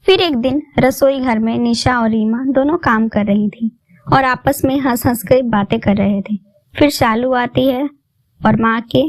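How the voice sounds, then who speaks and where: A woman narrating a family drama story in a plain, steady reading voice. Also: high voice, no echo.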